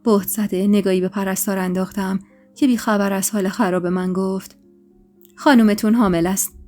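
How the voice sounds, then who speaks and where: A woman storyteller reading a dramatic first-person story in an emotional, expressive way, with faint music behind her. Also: medium pitch. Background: faint background music.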